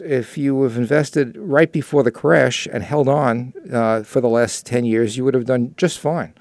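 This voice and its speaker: A man with a gravelly, creaky voice and a dark, mellow tone co-hosts a finance talk show. He talks through articles conversationally, stumbling now and then over fillers and restarts. The sound is dry and close. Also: medium pitch, no room sound. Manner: halting, with many fillers and restarts. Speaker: co-host of a personal finance show. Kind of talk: conversational discussion of news articles.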